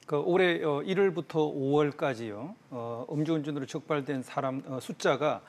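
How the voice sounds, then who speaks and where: Middle-aged male professor guest, measured, hesitant, slightly high. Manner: measured, many "uh" pauses. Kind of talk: news interview explanation. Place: TV studio.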